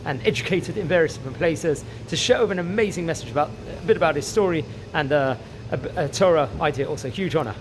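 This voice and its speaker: A man's voice: on the high side, fast, hardly any pauses, background noise. A man introducing a guest speaker with enthusiasm.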